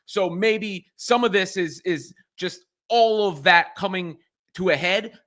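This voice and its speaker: A male sports commentator reacts solo, earnest and thinking out loud. His high voice rings bright and forward, and he keeps repeating and restarting phrases as he thinks.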